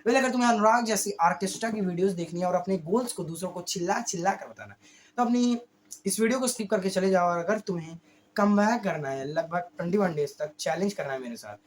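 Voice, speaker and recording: A male YouTube creator with a hoarse voice, giving a casual motivational monologue slowly, often stumbling and correcting himself. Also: high-pitched, slight background noise. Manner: talks slowly on purpose, with frequent slips and self-corrections.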